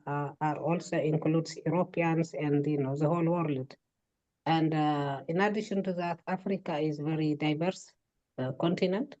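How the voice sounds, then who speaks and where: A woman researcher and plant breeder answers questions in an online webinar over a video call. Her voice is low-pitched and mellow, the sound lo-fi. She explains things hesitantly, with many fillers.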